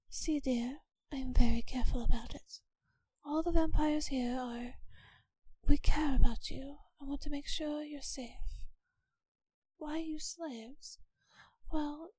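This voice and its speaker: Her voice sitting high in a dry recording, a woman performs a gentle ASMR scene as a rich, possessive but kindly vampire mistress. She murmurs breathy, near-whispered comfort in a genteel, leisurely way.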